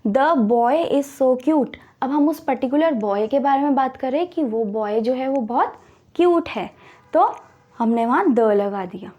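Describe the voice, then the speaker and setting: A woman's voice: high-pitched, lively intonation, moderate pace, darkish tone. A woman teaching a grammar lesson, explaining each rule patiently step by step. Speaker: English teacher.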